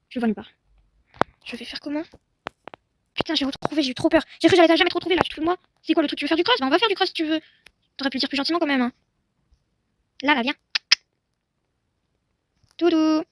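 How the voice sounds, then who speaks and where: High-voiced young woman soothing a horse. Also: steady tone, fast, long pauses, noisy background. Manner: soothing horse-talk, swinging to panicked shouting. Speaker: Roblox horse-riding roleplay streamer. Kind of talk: casual gameplay commentary talking to her virtual horse.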